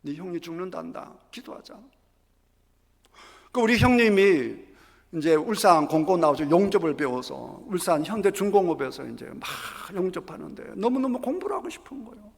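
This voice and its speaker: High, gravelly-voiced male pastor preaching. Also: sing-song, a little fast. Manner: emphatic, acts out scripture scenes dramatically. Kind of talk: sermon. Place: church sanctuary. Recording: echoey church hall.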